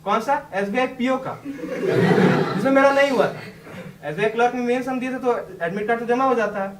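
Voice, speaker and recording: A man's voice: very high voice, moderate pace. A young man telling a class the personal story of his exam success, chatty and laughing often as he talks. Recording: echoey room, distant mic, background noise.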